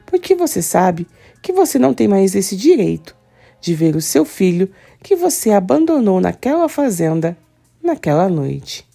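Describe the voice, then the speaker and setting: Uma mulher lendo as falas de uma jovem brava e desafiadora, com réplicas ríspidas e desdenhosas. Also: female voice, mid-range voice, very animated, normal speed, creaky, warm tone, faint music behind. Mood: defiant. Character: fiery young Brazilian woman, defiant.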